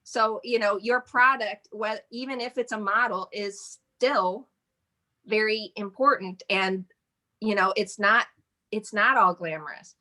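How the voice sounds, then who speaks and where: An unhurried, medium-pitched voice with a pushed, bright quality belongs to a woman in her forties from Michigan. As a guest in a casual interview, this modeling agency owner talks in a rambling, chatty manner and laughs frequently.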